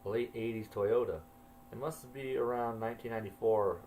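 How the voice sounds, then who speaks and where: A man in his forties or older telling his own story in a measured, brooding, quietly puzzled way. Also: medium pitch, fairly even intonation, slight background noise, poor audio. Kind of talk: reflective first-person storytelling.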